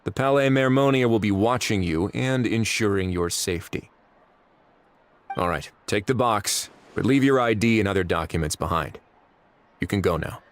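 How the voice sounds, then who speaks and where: An actor playing a calm, businesslike male police official in a game, measured and dry. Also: fairly low pitch, slight background noise, lightly acted. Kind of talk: game voice acting.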